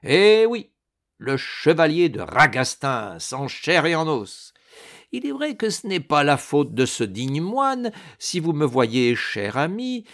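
A man's voice: fairly high pitch, a bit bright, pitched above the performer's own voice, heavily acted. A man playing a swaggering male swordsman with a teasing, ironic manner.

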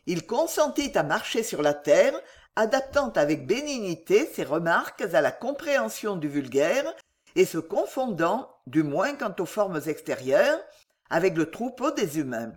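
A woman reads a classic novel aloud as scripted literary narration. Her pitch sits in the middle and rises and falls in a lively way. She tells the story in a measured, expressive manner. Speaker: audiobook narrator.

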